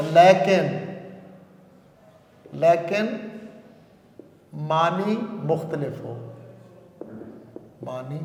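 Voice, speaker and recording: A male grammar lecturer teaching a class, repeating key terms slowly and chanting example verses in a sing-song lilt. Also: fairly high pitch. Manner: repetitive, explains slowly with examples. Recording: echoey classroom with long reverb.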